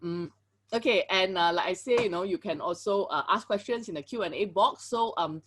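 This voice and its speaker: A woman's voice: mid-range voice, a little fast, a bit bright, a little hiss or hum. A woman hosts a live webinar over a video call. She talks casually and fills her sentences with "you know" and "like" as she greets people and keeps things moving. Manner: chatty, filler-heavy, greets viewers and reads chat aloud. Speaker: webinar host.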